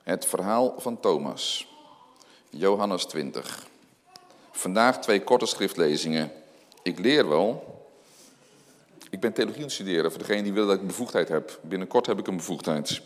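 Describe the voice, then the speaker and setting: A man giving a sermon and reading scripture aloud, animated and full of rhetorical questions. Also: low voice, normal speed. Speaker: lay preacher. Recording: long hall reverb.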